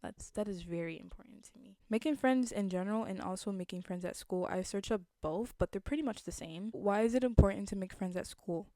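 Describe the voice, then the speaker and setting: A woman's voice: mid-range voice, a little fast, few pauses, dark tone, dry recording. A young adult woman with a slight lisp, chatting casually to viewers as a vlogger in an earnest, reflective, conversational way.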